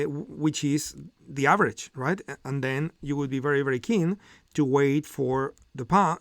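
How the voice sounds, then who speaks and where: The recording is dry, and the middle-aged man's voice runs a little high. He's teaching a live trading class with market commentary, going step by step, full of fillers and asking "okay?" again and again.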